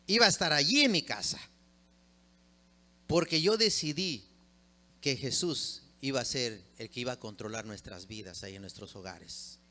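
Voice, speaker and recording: Impassioned preacher, bright voice. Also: male voice. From Mexico. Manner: impassioned, swings from loud emphatic peaks to low quiet drops. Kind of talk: sermon.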